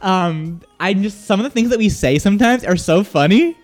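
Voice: medium pitch, moderate pace, soft background music. A radio show host in casual morning chat, laughing often and reading horoscopes. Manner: giggly, animated, laughs often.

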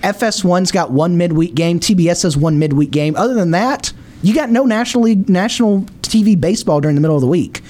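A man's voice: sits high, animated, fast talker, warm tone. A man co-hosting a sports talk show in casual banter, repeating himself for emphasis as he makes his point. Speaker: sports radio show co-host.

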